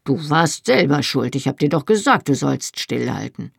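A playful, dry-humored uncle with a lowered, deep voice, as an audiobook reader puts him on. The tone is gravelly, and the read is close and dry. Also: big pitch swings, moderate pace, dry recording, exaggerated voice. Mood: joking.

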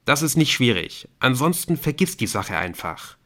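A man's voice: medium pitch, very animated, moderate pace, bright, forceful tone, pitched above the performer's own voice. A defensive teenage boy in a storybook snaps back in short, curt bursts, as a man reads him. His voice is edgy and brusque. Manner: snappish, brusque.

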